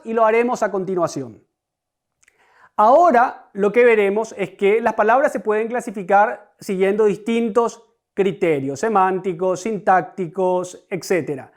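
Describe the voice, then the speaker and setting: Una persona docente que da una clase de gramática grabada para escolares, con tono deliberado y explicativo, repitiendo los conceptos clave y dirigiéndose a los alumnos. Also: mid-range voice. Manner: deliberate, explanatory, repeats key concepts; addresses students directly. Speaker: teacher. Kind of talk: recorded online grammar lesson.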